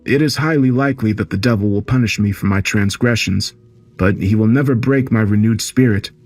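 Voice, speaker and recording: A man's voice: fairly low pitch, gravelly, darkish tone, breathy edge. A man narrating solemnly and earnestly, as if giving a warning. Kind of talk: scripted horror narration.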